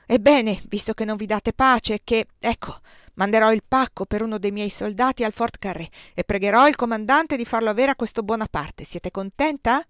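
A woman reading the part of a gruff older male army colonel in an audiobook, brusque and blustering, raising her voice when he gets annoyed. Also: on the high side, normal speed, no room sound, clean studio sound, lightly acted. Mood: exasperated.

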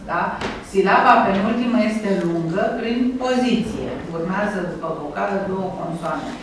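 A university lecturer giving a Latin lesson who explains patiently, slows down to sound out examples, and checks in with the class. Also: mid-range voice, noisy background. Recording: very echoey room recorded from a distance.

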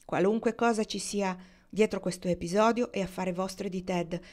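A woman's voice: mid-range voice, fairly even intonation, normal speed, a little mellow, lightly acted. Woman voicing a commanding male camp leader, firm, protective, audiobook. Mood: earnest. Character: authoritative older male gold-camp leader.

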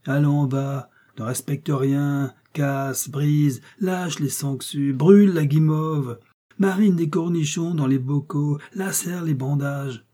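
A man's voice: medium pitch, moderate pace, warm tone, husky, close to an everyday voice. A man reading aloud and voicing a pompous, fussy village apothecary in an indignant rant. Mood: exasperated. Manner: indignant ranting tirade, exclamatory.

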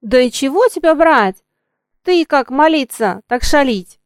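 A woman voicing a gruff, teasing old coachman. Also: high voice, lively intonation, unhurried, no room sound, studio quality, voice pushed up. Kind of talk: audiobook reading.

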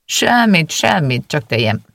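Audiobook: a reader playing a teasing schoolboy, husky, gravelly. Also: mid-range voice, sing-song, dry recording, studio quality. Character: young man, teenage schoolboy, teasing.

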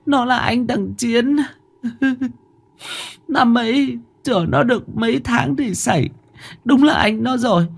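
Man doing a teary mom voice, high and shaky, full of regret. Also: gravelly, exaggerated voice. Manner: emotional, tearful. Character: grieving middle-aged mother, tearful and remorseful.

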